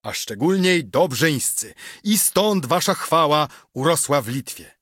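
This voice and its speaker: A man's voice: fairly high pitch, animated, a little slow, a bit bright, breathy edge, no room sound, studio quality, pitched above the performer's own voice, heavily acted. A man voicing an embittered old male steward who rouses a crowd with impassioned speech, in an audiobook reading of an epic poem. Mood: rousing. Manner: impassioned, rousing.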